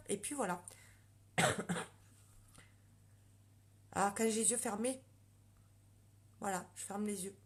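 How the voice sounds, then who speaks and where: A woman from Lot in southwestern France chats casually on a makeup live stream, answering viewer comments in her regional southwestern French accent. Her voice is fairly high and fairly bright.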